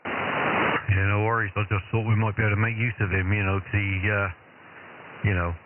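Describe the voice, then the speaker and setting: A man's voice: fairly low pitch, moderate pace. Man, crackly military-style radio sound, narrow band, faint static, courteous operator procedure. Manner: relaxed and courteous, saying sir often. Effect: crackly two-way radio. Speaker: amateur radio operator on a live stream. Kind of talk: ham radio exchange with call signs.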